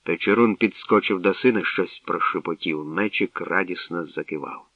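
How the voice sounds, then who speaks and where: Низький чоловічий голос, читає казку. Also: male voice, sits low, gravelly, dry recording. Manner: measured, even storytelling. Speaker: narrator. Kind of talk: audiobook story narration. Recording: dull distant dry recording.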